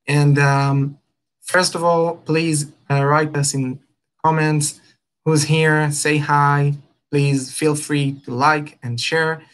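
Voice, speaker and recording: A man's voice: on the high side, little pitch movement, slow, a bit bright. A man hosting a live stream interview over a video call, hesitant and full of fillers. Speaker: host.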